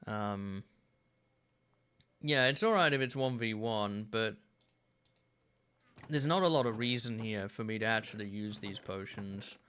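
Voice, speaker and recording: A man in his thirties thinks out loud through a gameplay stream, unhurried and full of ums. His voice is bright and crisp, and he takes his time. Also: on the low side. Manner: relaxed, musing aloud with frequent fillers. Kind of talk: casual gameplay commentary.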